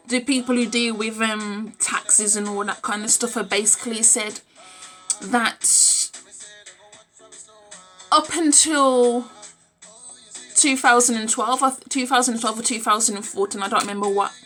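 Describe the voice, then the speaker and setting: Fairly high-pitched, pushed and bright, this is a thirty-ish woman from the UK vlogging to camera in a room at home, her phone at arm's length. Her manner is blunt and emphatic: she's casual, opinionated, swears, and repeats phrases for emphasis.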